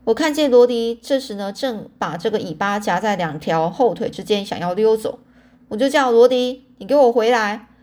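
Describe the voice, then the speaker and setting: A woman narrating a storybook in the first person, animated, lifting her voice for quoted speech. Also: mid-range voice, moderate pace. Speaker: audiobook narrator.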